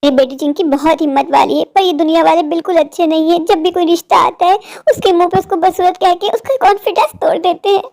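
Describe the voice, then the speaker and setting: Cartoon mom, woman voicing: widowed, protective, high and rushed. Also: steady tone, a little mellow. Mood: worried. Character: worried loving widowed mother of two daughters. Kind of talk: cartoon storytelling.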